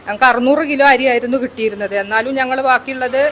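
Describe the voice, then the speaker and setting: A woman's voice: fairly high pitch, steady tone, rapid-fire, a bit bright, a little hiss or hum, poor audio. Woman, community hotel worker, earnest plain answers. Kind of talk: interview answer.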